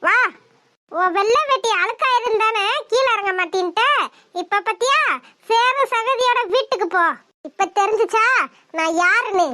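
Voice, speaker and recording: A woman's voice: extremely high pitch, normal speed, sharp tone. A woman voicing a bold, defiant young village woman in a cartoon, talking boastfully. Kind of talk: cartoon voice acting.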